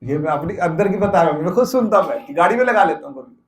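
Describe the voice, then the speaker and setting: A middle-aged man with a high voice delivers a devotional sermon to a gathered congregation. He keeps putting questions to his listeners and answering them himself, repeating key phrases for weight. The room is noticeably reverberant. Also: expressive, fast. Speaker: spiritual teacher. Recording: echoey room.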